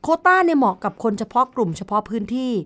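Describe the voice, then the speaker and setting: A woman's voice: a little high, lively intonation, very fast, fairly bright tone. A woman co-hosting a podcast, explaining things in a casual chat with playful teasing. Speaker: co-host of an education podcast.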